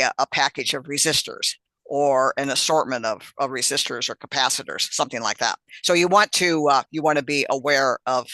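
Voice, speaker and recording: Brief: male instructor on a call, bright and tense tone, wanders with "uh"s between points. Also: on the high side, no room sound. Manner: meandering, many fillers and restarts. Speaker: meetup organizer and instructor. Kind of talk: casual explanation on a group call.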